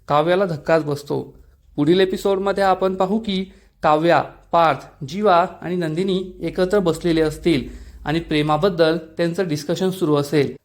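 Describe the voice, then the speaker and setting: A man reading a scripted voice-over recap of a TV episode, retelling every character's lines in one steady narrating voice. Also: high voice.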